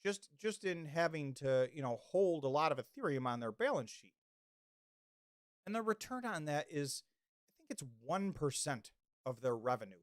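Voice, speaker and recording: A man hosts a livestream, chatting casually, rambling, restarting often, reading chat comments, and losing his voice. His voice sits a little high with big pitch swings at a moderate pace, and the studio recording is clean with no echo.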